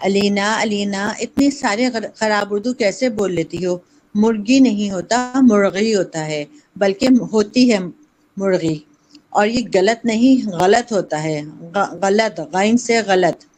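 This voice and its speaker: A woman's voice: medium pitch, few pauses, lightly acted, poor audio. A woman voicing a fussy aunt in a children's story, stern and exacting as she keeps correcting a girl's pronunciation. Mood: lecturing. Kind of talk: reading a children's story aloud.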